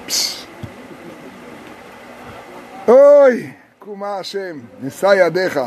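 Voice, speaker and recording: A high-voiced male rabbi teaches a small group inside a sukkah. He moves between storytelling and slow chanting of verses, and he keeps asking his listeners questions. Faint noise sits behind him.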